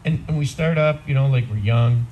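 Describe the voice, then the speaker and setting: A man's voice: medium pitch, normal speed, dull audio, a little hiss or hum. A man in his sixties, a priest with an Upper Midwest American accent, giving a conversational, plain-spoken homily on an outdoor patio, recorded by a far camera. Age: 60s. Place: outdoors on a garden patio under a canopy.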